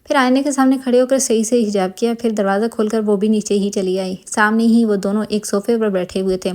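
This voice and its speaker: Woman narrator for a novel read-aloud, calm and even, warm dark tone. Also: mid-range voice. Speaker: audiobook narrator.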